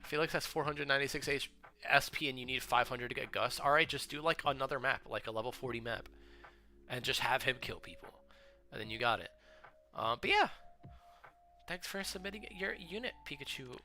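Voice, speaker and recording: A young man streaming casual commentary on viewers' game builds, chatty and full of fillers, with excited outbursts. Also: mid-range voice, brisk. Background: faint background music.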